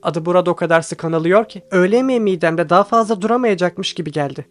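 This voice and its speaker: High-voiced man reading an audiobook. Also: quick pace. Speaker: audiobook reader. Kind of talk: first-person audiobook narration. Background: faint background music.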